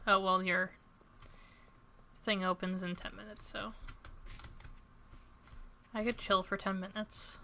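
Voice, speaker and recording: A young woman streaming a farming game, chatting to her viewers at a desk mic. Her voice is bright and forward, with self-deprecating asides, and keyboard typing clicks behind her. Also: mid-range voice, level tone, slow pace, pauses often, slight background noise. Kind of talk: casual gameplay commentary.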